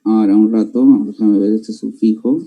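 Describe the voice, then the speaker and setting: The audio is tinny, capturing a man with a fairly low, narrow voice who talks flatly at a moderate pace. He's a language teacher with a Peruvian Spanish accent, lecturing explanatorily, addressing students directly, and ending sentences with "¿no?"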